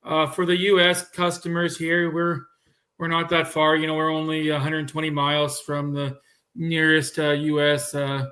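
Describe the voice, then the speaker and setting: A man's voice: a little high, monotone, moderate pace, pushed and bright. A man in his thirties from Canada, a cattle breeder chatting casually on a podcast, rambling a little with restarts. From Manitoba, Canada. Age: 30s. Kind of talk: casual chat.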